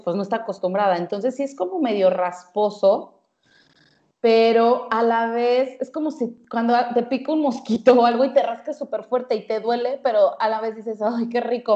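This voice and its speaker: A woman in casual chat, chatty and quick to laugh. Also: a little high, dark tone. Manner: chatty, laughs often, acts out quoted voices. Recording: slightly dull lo-fi sound.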